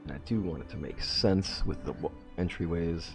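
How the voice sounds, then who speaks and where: Stuffy-nosed from a cold, a let's play host chats casually through a game playthrough, thinking aloud as he reworks his plans. He speaks in a low voice at normal speed, with music in the background.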